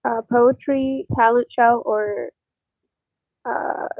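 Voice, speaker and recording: A young woman from Algeria, a podcast guest, talks in a casual, hesitant way with many fillers and soft laughs. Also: fairly high pitch, steady tone, extremely slow, dry recording, phone-quality sound. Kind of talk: casual interview chat.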